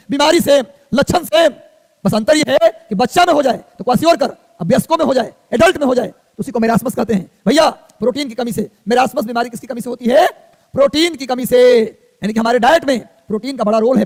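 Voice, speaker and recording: Man, exam coaching teacher, rapid-fire repetitive drilling, long room reverb. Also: extremely high pitch, vocal fry, darkish tone. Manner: rapid, repetitive drilling, sing-song listing. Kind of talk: energetic classroom lecture.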